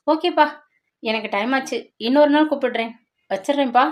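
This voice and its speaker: A woman voicing a grown son speaking on the phone in a concerned, hurried way, in a dramatic story reading. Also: high-pitched, lightly acted.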